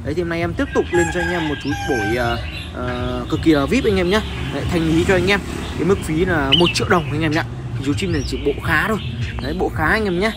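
A fast, chatty young man from Vietnam pitches his birds in a casual vlog, peppering every phrase with fillers and direct calls to his viewers. His voice sits a little high for a man. Loud background noise runs under everything he says. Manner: chatty, many fillers and repeated address to viewers. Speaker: bird seller, channel host.

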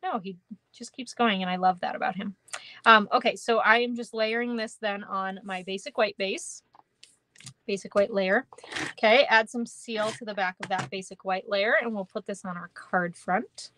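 In an indoor craft room, a young woman with a Minnesotan accent teaches card-making on a live stream, chatting and giggling with viewers amid lots of ums and kindas. Her medium-pitched voice is steady, pushed and bright, at a moderate pace. A little hiss or hum is audible.

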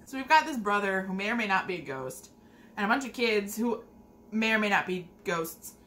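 A woman's voice: mid-range voice, expressive, a little fast, a bit bright, a little hiss or hum. A young adult woman in casual book chat, rambling informally and swearing now and then. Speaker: book review co-host. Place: room with bookshelves, indoors.

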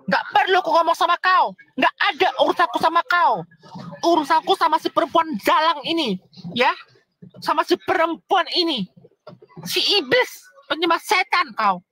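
Woman, 30s, high-pitched, sharp bright voice, cursing and insulting, comic quarrel. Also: expressive, normal speed. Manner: cursing, insulting, theatrical prayers. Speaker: comedy skit performer.

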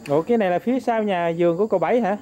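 Woman visiting family, warm low-key tone, keeps asking questions. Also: rapid-fire, highs cut off. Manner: polite, chatty, asks many questions. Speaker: visiting relative. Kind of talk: casual family chat.

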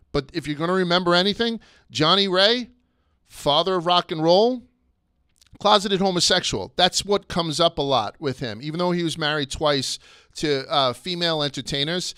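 A man's voice: on the high side, pushed and bright, smooth, no echo, studio quality. A man hosting a casual history podcast, chatty and crude, going off on tangents. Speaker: podcast host.

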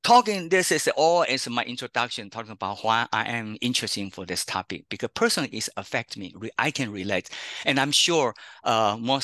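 This middle-aged Taiwanese career counselor, a native Chinese speaker with a Taiwanese accent, runs an online workshop via video call mic. He talks chattily in a lowish, bright, forceful voice with no room sound, frequently ending lines with "okay, huh?"

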